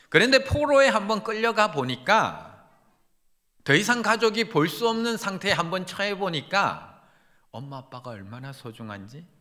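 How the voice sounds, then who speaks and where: Lively, forceful male pastor preaching. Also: on the high side. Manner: earnest preaching with swelling emphasis. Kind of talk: sermon. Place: church sanctuary. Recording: reverberant church sanctuary.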